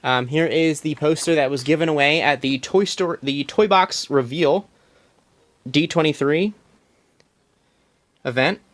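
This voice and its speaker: Speaking a little slowly and pausing often, a young man with a fairly high, bright voice shows his collection to a phone camera. The casual room tour takes place in a small space at home, full of ums, restarts, and rambling.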